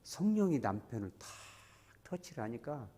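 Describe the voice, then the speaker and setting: A man who is a pastor, preaching a sermon as animated storytelling with sudden shifts between loud and soft. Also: medium pitch, moderate pace.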